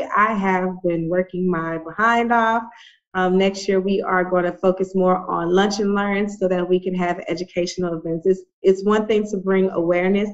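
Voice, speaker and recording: Woman speaking emphatically, slightly dull recording. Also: on the low side. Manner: emphatic, colloquial. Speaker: organization representative, guest. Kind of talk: conversational talk, impassioned advocacy.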